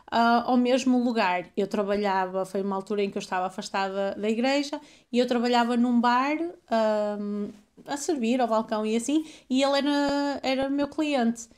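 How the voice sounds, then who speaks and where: Portuguese deaconess telling a story, chatty, kinda high pitched. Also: female voice. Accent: European Portuguese. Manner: chatty storyteller, laughs easily. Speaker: deaconess, interview guest. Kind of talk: casual interview.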